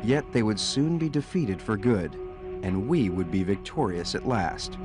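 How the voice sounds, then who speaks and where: A man's voice: fairly low pitch, animated, a little slow. A man giving a scripted, dramatic nature documentary narration in the manner of a storyteller. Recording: music under the voice. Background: music.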